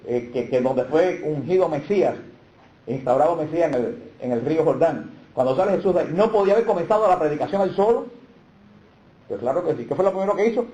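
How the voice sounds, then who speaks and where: A man giving a catechism lecture with emphatic stresses and rhetorical questions. His voice sits a little high but has a dark, mellow tone. The room around him is echoey.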